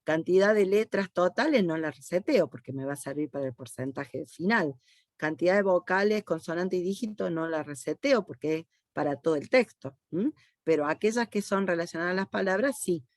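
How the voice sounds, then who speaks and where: A woman's voice: fairly low pitch, lively intonation, brisk, no room sound, studio quality. A woman with an Argentine accent teaching a class online, patiently walking students through code step by step and often checking that they follow. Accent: Argentine Spanish. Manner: patient, checks understanding with frequent "¿sí?". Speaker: university teacher.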